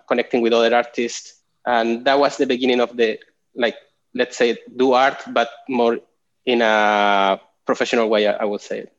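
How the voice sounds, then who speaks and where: A man in his forties from Chile, a guest artist talking casually in an interview over a video call, halting with many fillers and restarts. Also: mid-range voice. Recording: dull lo-fi call audio.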